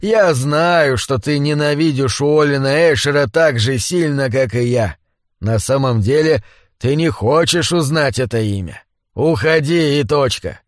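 A man voicing a haughty, bad-tempered old man in a wheelchair, domineering and prone to shouting, in an audiobook. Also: mid-range voice, measured pace, no room sound, studio quality, close to an everyday voice. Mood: menacing. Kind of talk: audiobook character voice.

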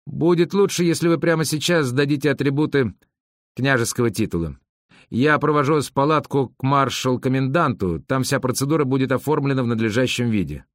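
In an audiobook, a man voices a young, polite army officer who speaks formally and correctly. His medium-pitched delivery is fairly quick and raised above his natural voice, though it stays close to everyday speech, with dry studio-quality sound.

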